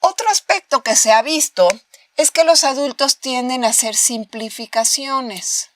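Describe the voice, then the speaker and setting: A woman's voice: sits high, unhurried, no echo. A woman with a Mexican Spanish accent giving a recorded university lecture, explaining with rhetorical questions and acting out short examples of talking to babies. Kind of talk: recorded master class lecture.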